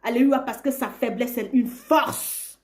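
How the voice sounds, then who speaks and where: A woman's voice: a little high, a little slow, darkish tone. A woman singing worship refrains and preaching with fervent emotion and repeated invocations.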